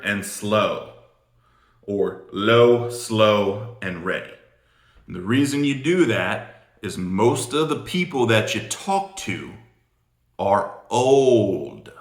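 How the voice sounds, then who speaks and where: A medium-pitched, slightly bright male voice gives an instructional sales talk in the role of a coach. His style is informal, emphatic and blunt, with repeated words for impact, recorded in a roomy, echoey space.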